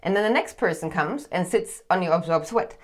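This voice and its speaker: Brief: German woman, 30s, low voice, co-host explaining in a home sauna room. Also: brisk. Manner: explaining with many fillers and restarts. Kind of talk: casual chat.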